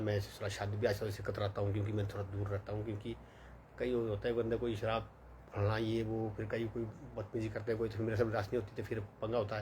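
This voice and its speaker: A man's voice: medium pitch, darkish tone. Young man, rambling story, many fillers, faint background hiss. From Himachal Pradesh, India. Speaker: vlogger. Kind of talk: casual storytelling monologue.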